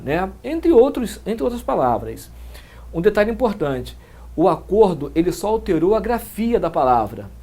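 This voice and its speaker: A man's voice: on the high side, dark tone, husky. A man with a Brazilian Portuguese accent teaching grammar in an exam-prep lecture, explaining step by step and often checking in with short tag questions.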